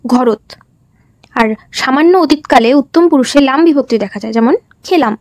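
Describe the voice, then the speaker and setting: A young woman from West Bengal, India, talks through a classroom presentation in a high voice, posing short questions and then answering them. Her voice is close and dry, with no room sound. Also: normal speed, no room sound. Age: young adult. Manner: explains in a steady question-and-answer pattern. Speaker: student teacher presenting. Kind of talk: presentation lesson.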